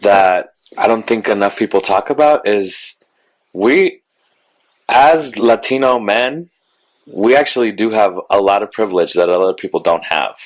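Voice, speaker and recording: A man's voice: on the low side, unhurried, poor audio. A man co-hosting a casual lunchtime chat, playful and sassy, swearing freely. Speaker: podcast co-host; artist.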